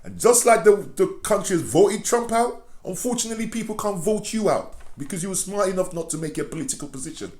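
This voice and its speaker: Man, confrontational commentary, slightly high voice, roomy echoey room. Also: fast talker, few pauses, a little mellow. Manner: confrontational, addresses his target directly, repeats phrases. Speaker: online commentator. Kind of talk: impassioned commentary. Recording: roomy echo.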